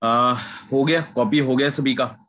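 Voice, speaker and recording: Teaching an online chemistry class, a man speaks in a mid-range, steady, slightly bright voice at a somewhat slow pace. He patiently goes over key points again, blending English terms into Hindi and addressing students familiarly as "yaar" and "bachche."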